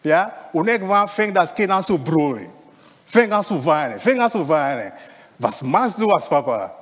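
High, lively preacher in a hall. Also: male voice, moderate pace. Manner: conversational preaching, frequent "ja?" tag questions. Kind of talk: sermon.

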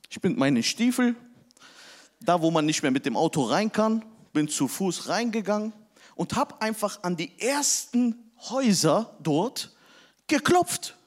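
A male preacher delivers a sermon through lively storytelling. His voice sits high and leaps up and down as he drives his points home. He sometimes pushes toward a shout. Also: unhurried. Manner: animated storytelling. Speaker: pastor.

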